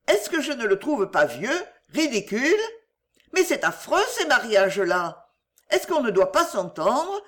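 A woman's voice: on the high side, fairly bright tone. A woman reading a storybook and voicing a passionate young woman who refuses an arranged marriage, pleading and vehement.

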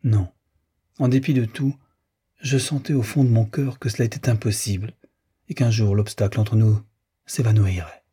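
Male reader doing a sorrowful, restrained wife; soft, plaintive, dark-toned. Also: fairly low pitch, steady tone, moderate pace, breathy edge. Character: grieving, yearning bourgeois wife in her thirties. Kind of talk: audiobook character reading.

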